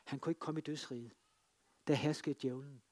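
A man preaching a sermon, telling the story dramatically and swinging between emphatic lines and hushed ones. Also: mid-range voice, fairly even intonation. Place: free church.

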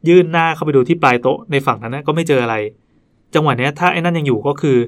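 A man's voice: on the high side, racing. A male podcast host reading listener ghost stories aloud in a chatty way, stopping now and then to comment. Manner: chatty, breaks off to joke and comment.

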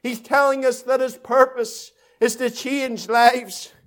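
Delivering a fervent evangelistic sermon, this man speaks in a very high voice with little pitch movement. He hammers phrases through repetition and draws them out for dramatic effect.

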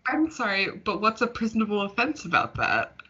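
A young woman co-hosts a podcast in casual chat, her talk full of fillers and quick laughs. Her voice is bright and slightly husky. It comes through a dull, lo-fi video call. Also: medium pitch, very animated. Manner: chatty, laughs often, many fillers. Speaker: podcast co-host. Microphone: recorded over video call.

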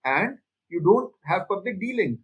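Husky, higher-pitched Indian man making his case. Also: sing-song, moderate pace, muffled recording. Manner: emphatic, repeats phrases to drive points home. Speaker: panelist. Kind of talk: opinionated discussion.

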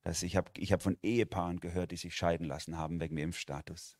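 A man with a fairly low voice preaches with lively emphasis and acts out the voices he quotes. He sounds close to the mic, and the sound is dry with no room echo. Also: quick pace. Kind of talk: sermon.

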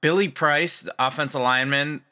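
A man with a very bright, sharp-toned voice, chatting casually about sports. He delivers his gripes with a wry, sarcastic edge. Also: fairly high pitch, steady tone, normal speed. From Ohio. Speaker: podcast co-host. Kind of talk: casual chat, sports talk.

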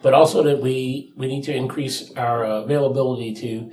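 A man's voice: mid-range voice, fairly even intonation, fairly quick, warm tone. An upbeat, eager man chats on a podcast about police work. His voice bounces around a roomy space, with faint noise behind it. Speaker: police recruiter. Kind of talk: casual podcast chat.

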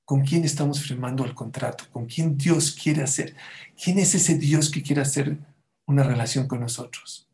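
A man's voice: mid-range voice, moderate pace, gravelly, darkish tone. A man giving a sermon as a rabbi, telling stories and asking the audience rhetorical questions.

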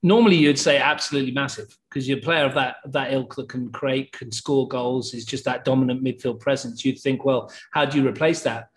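A man, talking through the football season as a pundit in a casual podcast chat, measured and analytical. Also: mid-range voice, fairly even intonation.

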